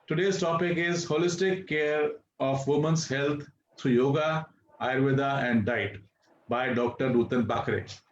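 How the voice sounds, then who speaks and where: A man's voice: medium pitch, a little slow. A man with an Indian accent giving an informal introduction as host. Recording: echoey, muffled, faint noise.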